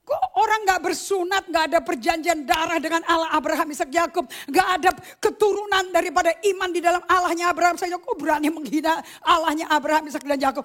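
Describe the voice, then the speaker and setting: Woman preacher acting out a fiery young shepherd, incredulous and outraged, very high voice. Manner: incredulous, indignant questioning.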